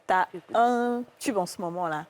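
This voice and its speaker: A woman's voice: mid-range voice, measured pace. A woman hosting a TV talk show in a playful, laughing way.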